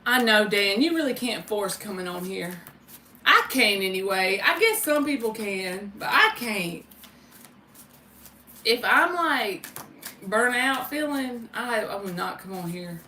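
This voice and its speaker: Speaking at a medium pitch, this woman sounds animated, unhurried, bright and a bit pushed. She's a tarot reader running a relaxed livestream, offering spiritual readings, calling viewers by name, chatting informally and letting slip some mild swearing. The audio is roomy, with a distant mic and faint background noise.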